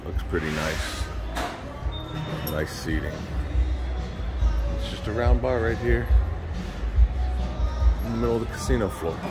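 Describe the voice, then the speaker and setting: A middle-aged man casually touring a casino hotel and giving practical travel tips on a handheld phone camera. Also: sits low. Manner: chatty, easygoing, practical tips. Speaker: travel vlogger. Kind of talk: casual walking tour and review. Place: hotel casino and hotel room, indoors.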